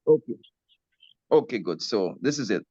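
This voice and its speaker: A man's voice: fairly low pitch, animated, normal speed, mellow, no room sound. A man attending a webinar, asking polite, careful questions over a call connection whose audio keeps cutting out. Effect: call audio cutting out and breaking up. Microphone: remote video call connection. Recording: dull lo-fi call audio, dry.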